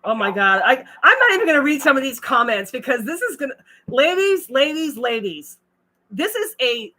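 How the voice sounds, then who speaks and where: Woman, livestream host, bright voice, chatty, reading comments aloud. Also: sits high, very animated, brisk, slight background noise. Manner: chatty, reads viewer comments aloud, laughs often. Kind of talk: casual livestream chat.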